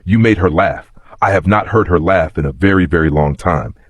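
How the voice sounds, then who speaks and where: A man voicing a kind, gentle, wealthy father who speaks calmly and reassuringly in a storybook narration. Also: low-pitched, a little fast, breathy edge, no echo, dull audio. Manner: calm, soft-spoken and reassuring.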